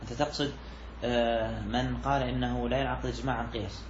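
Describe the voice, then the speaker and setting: The voice here is a medium-pitched man's, fast but with little pitch movement, heard through a muffled recording with background noise. He is a sheikh explaining a classical jurisprudence text in class, repeating key phrases and asking his students questions.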